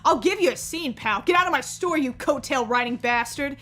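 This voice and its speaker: An actress playing a defiant record-store owner who cuts into people with sharp retorts. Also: female voice, high-pitched, animated, fairly quick. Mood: furious. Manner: defiant, cutting. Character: fiery middle-aged woman record-store owner.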